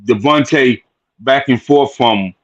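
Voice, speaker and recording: A man's voice: mid-range voice, slow pace, lo-fi sound. A man who is a guest on a casual sports chat, talking emphatically and repeating words as he builds his points.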